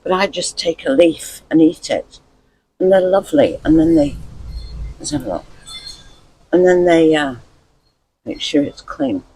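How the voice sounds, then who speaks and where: A man's voice: fairly high pitch, lively intonation, unhurried, long pauses, dark tone, slightly rough, poor audio. A man chatting casually as a gardening vlogger, rambling and repeating words for emphasis.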